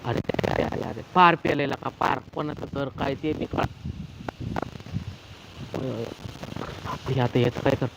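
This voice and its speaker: A man playing a gravelly bewildered villager. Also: mid-range voice, measured pace, long pauses. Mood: puzzled. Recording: loud outdoor noise, gravelly.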